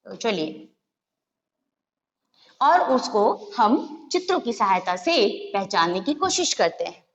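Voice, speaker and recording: A woman's voice: mid-range voice, big pitch swings, takes it slowly. A woman teaching a Hindi lesson to young children, patiently sounding out syllables one by one. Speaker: primary school Hindi teacher. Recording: dull lo-fi recording with long hall reverb.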